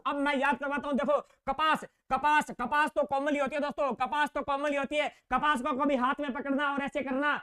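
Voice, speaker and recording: A man's voice: very high voice, flat delivery, brisk, hardly any pauses, bright, forceful tone. A man teaching an exam-prep general knowledge class. He repeats key words again and again, keeps urging students to pay attention, and builds playful memory tricks.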